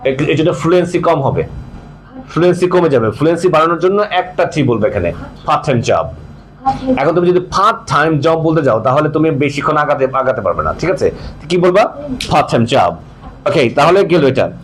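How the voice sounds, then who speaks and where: A man's voice: on the high side, lively intonation, fairly quick, slight background noise. A man teaching English pronunciation to a class, patient and repetitive, often checking that students follow. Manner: patient, repetitive drilling with frequent check-ins.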